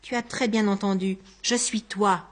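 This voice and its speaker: Woman reading a calm, mocking male stranger. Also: medium pitch, natural voice. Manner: teasing, unhurried.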